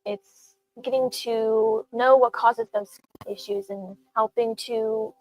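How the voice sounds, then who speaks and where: Slightly high-voiced woman in a business ad. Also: animated, slow pace, vocal fry, dull audio, faint music behind. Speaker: esthetician in an ad. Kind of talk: scripted business ad.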